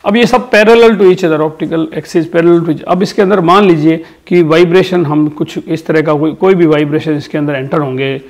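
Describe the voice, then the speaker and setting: Gravelly man teaching physics. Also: a little high, fairly even intonation, normal speed, few pauses. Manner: explains step by step, repeats key terms, asks and answers his own questions. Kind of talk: classroom lecture.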